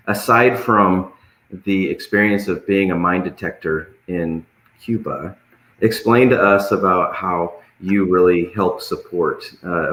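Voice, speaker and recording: Deep voiced guy hosting a live chat, jokey, bit halting, echoey room. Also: a bit bright. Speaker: host. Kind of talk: casual live-stream hosting. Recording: roomy, echoing sound.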